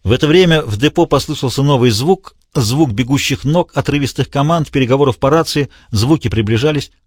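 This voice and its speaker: A man narrating a thriller audiobook in expressive storytelling style. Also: mid-range voice, a little fast, slightly rough, no room sound, clean studio sound. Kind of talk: scripted narration.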